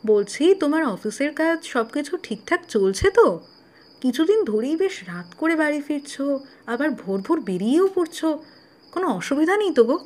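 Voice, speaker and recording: An actress playing a caring, anxious young wife in an audio drama, questioning and affectionate. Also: female voice, sits high, sing-song, a little fast. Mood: eager. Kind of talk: Bengali audio drama acting.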